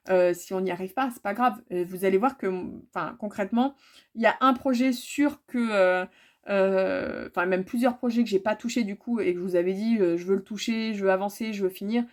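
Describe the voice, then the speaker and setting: A woman's voice: medium pitch, moderate pace. A woman chatting casually to her viewers about her cross-stitch projects, full of fillers and repeated words.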